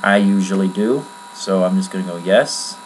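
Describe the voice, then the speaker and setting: A man giving a casual, rambling screen-recorded software tutorial from his computer at home, with many fillers. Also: sits low, normal speed, a little hiss or hum, rough recording. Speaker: tutorial maker.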